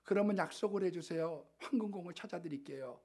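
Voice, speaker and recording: Man doing a storybook frog: high, husky, whining. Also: darkish tone. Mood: coaxing. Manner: high, whiny, drawn-out pleading. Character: pleading ugly male frog, clingy.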